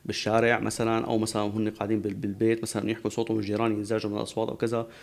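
A man's voice: on the low side, completely flat delivery, rapid-fire, vocal fry. A man, a guest expert on a talk show, explaining at length with frequent restarts.

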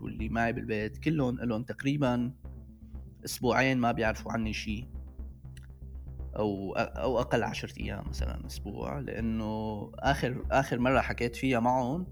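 A Syrian man tells a personal story in a Levantine Arabic accent over faint music. His voice sits at an average male pitch. He talks casually, slipping into quoted back-and-forth dialogue as he recounts things. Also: steady tone, quick pace, gravelly. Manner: conversational, re-enacts dialogue as he tells it.

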